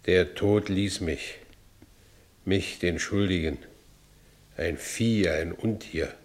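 An actor playing a solemn, chastened figure in scripted radio drama, speaking gravely. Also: male voice, deep voice, slow. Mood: grave, subdued.

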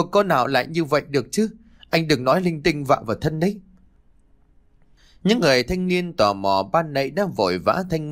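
A man's voice: mid-range voice, fairly bright tone. A man reading a sad story aloud as an audiobook narrator, in a somber, dramatic storytelling manner.

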